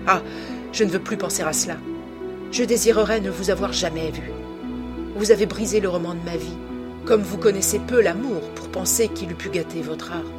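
A woman's voice: on the low side, normal speed, over loud music, close to an everyday voice. A woman reading a bitter, scornful young man. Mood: bitter contempt. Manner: cutting, accusing tirade.

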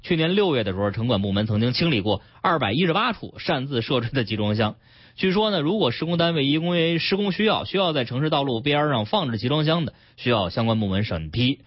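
Male radio host, animated and teasing, slightly husky. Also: medium pitch, fast talker, no room sound, highs cut off. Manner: chatty, teasing banter. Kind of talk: casual radio chat. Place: radio studio. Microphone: studio mic.

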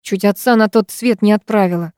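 A woman's voice: mid-range voice, a little fast, a little mellow, dry recording, studio quality, lightly acted. A woman narrator voicing a reproachful older brother who speaks curtly and scoffs. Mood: scornful. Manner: reproachful, snorting, curt. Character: gruff, scornful older brother.

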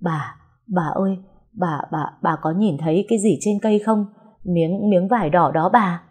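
A woman's voice: lowish voice, fairly even intonation, moderate pace, darkish tone, husky. A woman voicing a timid young servant boy who stammers. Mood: scared. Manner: stammering, fearful.

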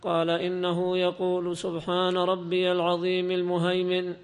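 A man's voice: high-pitched, completely flat delivery, clean tone. A man reading a classical religious text aloud to a teacher in a lilting, chanting style. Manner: lilting, drawn-out chanting delivery. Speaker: student reader. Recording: long hall reverb.

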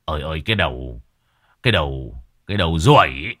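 A man voicing a gruff, irritable middle-aged village chief who scolds bluntly. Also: very deep voice, animated, fast talker, a bit bright, voice pushed down, heavily acted. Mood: irritable scolding.

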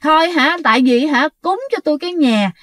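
A woman's voice: sits high, moderate pace, dry recording, close to an everyday voice. A woman voicing the ghost of a man killed by a train, who pleads and bargains. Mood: bargaining.

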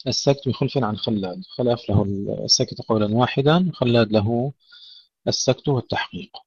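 A man teaching a tajweed lesson, reciting words slowly to demonstrate and correcting common mistakes. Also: mid-range voice, husky. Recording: dry, dull lo-fi audio.

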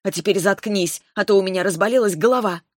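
Woman reading a defiant young heroine, sharp-tongued, stubborn, dry close sound, audiobook. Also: mid-range voice, fast, no echo, lightly acted.

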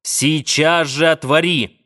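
A decisive, forceful tycoon barking orders in a hoarse, rough voice, as a male narrator plays him. His tone stays low and heavy, commanding and rough-edged. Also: lively intonation, slow.

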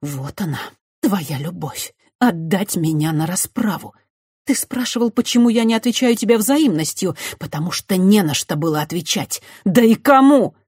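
An audiobook reader voicing a proud, defiant condemned witch woman who speaks in shrill, fierce outbursts. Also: unhurried, mellow, slightly rough, no room sound, clean studio sound. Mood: scornful. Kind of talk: audiobook character voice.

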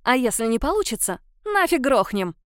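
A bold young huntress, voiced by a woman reader, who snaps back curtly at her elders. Her voice sits fairly high and the sound is dry. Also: sing-song, normal speed, no room sound. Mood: defiant. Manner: curt, defiant.

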